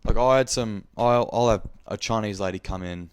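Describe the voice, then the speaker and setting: A man's voice: fairly low pitch, moderate pace, clear, resonant tone, dry recording. A young man with an Australian accent, hosting a podcast in a casual, rambling monologue, speaking frankly and swearing freely. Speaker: podcast host.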